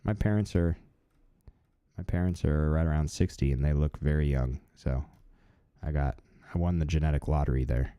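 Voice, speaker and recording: A man in his thirties hosting a live stream, talking in a relaxed, chatty way with lots of fillers. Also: extremely low pitch, normal speed, no echo. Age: 30s. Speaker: livestream host. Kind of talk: casual live-stream chat.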